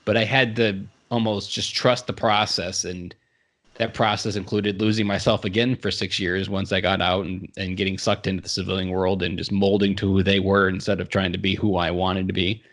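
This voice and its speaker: A man's voice: low voice, flat delivery, normal speed, fairly bright tone. A man in his thirties, a podcast guest, telling his story in an earnest, reflective way. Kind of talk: casual interview conversation.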